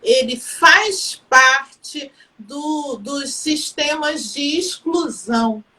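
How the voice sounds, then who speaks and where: Brazilian woman academic, measured delivery, high bright voice, a little far from the mic. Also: expressive. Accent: Brazilian Portuguese. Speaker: guest professor. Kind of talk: live-stream discussion.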